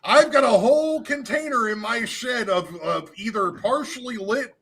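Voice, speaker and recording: A man hosting a casual chat on a video call, telling stories in an animated, chatty way. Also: very high-pitched, moderate pace, over a noisy crowd. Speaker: host.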